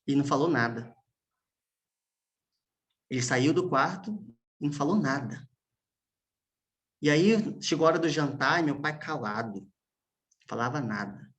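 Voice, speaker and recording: Slow-speaking pastor preaching. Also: male voice, a little high, animated. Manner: emotional storytelling with long pauses and soft, hushed moments. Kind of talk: sermon.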